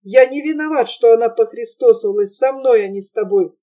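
This is a young merchant's son, read by a woman, anxious and lovestruck. His words come out hesitant and a bit trembling, in a mellow, fairly high voice. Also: brisk, close to an everyday voice. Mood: defensive.

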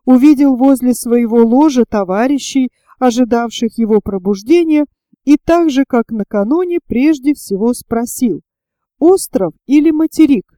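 A woman narrating an audiobook in an even, expressive reading. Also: a little high, moderate pace, dry recording.

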